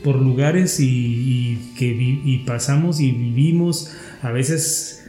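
A man's voice: mid-range voice, takes it slowly, mellow. A man with a northern Mexican border Spanish accent chatting casually, telling things in an enthusiastic, digressive way and often repeating phrases. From US-Mexico border region of El Paso and Ciudad Juárez. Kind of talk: casual conversational talk on local history. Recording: roomy echo, faint music.

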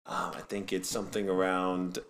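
A man hosts a casual football coaching podcast. His voice sits on the low side. He talks in a jokey, opinionated way and holds firm on his views. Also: completely flat delivery, normal speed, a crowd in the background.

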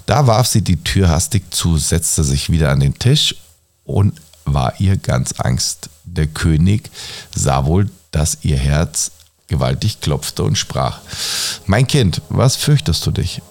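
A man calmly reading a fairy tale aloud as a bedtime story. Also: rumbling low, slow. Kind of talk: storybook narration.

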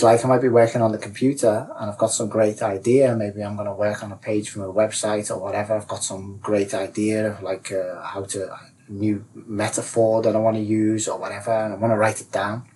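A man guest in a casual chat, explaining ideas with lots of fillers and acting out inner voices in raised tones. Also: on the low side. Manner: animated, acts out inner voices, many "like, you know" fillers. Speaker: guest, self-realisation coach. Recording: distant mic with faint room noise.

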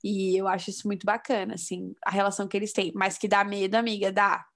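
A woman in her thirties from Brazil speaks in a calm, measured way during a casual chat. Her voice has a middle pitch, and she stays reflective and steady as she talks. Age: 30s.

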